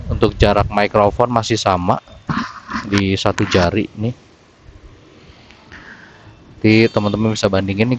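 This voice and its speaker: Riding his motorcycle through the city, a man with a Jakarta Indonesian accent talks casually to viewers in slang, musing as he goes. His fairly low voice sounds muffled, captured by a helmet intercom mic about a finger from his lips. Engine rumble and traffic are plainly audible around him.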